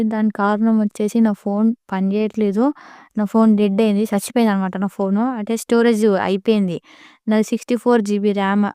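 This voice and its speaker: A young woman with a Telangana Telugu accent talks slowly and sorrowfully in a personal vlog. Her voice is clear and stays on a flat, even pitch. The sound is dry and close to the mic. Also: no room sound. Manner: slow, sorrowful storytelling. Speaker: vlogger. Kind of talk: casual personal vlog talk.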